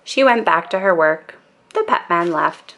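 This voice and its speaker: A woman reads a children's bedtime story aloud. Her delivery is very unhurried and calm, with a slightly low voice and highly varied, expressive intonation. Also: a little hiss or hum.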